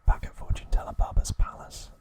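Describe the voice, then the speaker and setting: In ASMR style, a man whispers his way through an episode recap, breathy and without voice. He keeps his phrases short and pauses deliberately between them.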